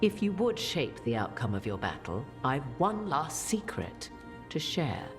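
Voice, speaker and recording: Solemn and portentous, a woman's low voice voices an ancient fantasy-game witch, imperious and cryptic, in a sing-song delivery over clear background music. Her studio-recorded lines are formal and archaic, swooping expressively with deliberate, theatrical phrasing.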